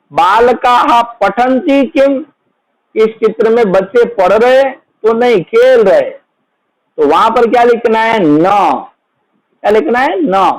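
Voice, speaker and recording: A man's voice: high voice, low-quality recording. A man teaching a children's worksheet lesson, explaining each answer and then asking it back as a question.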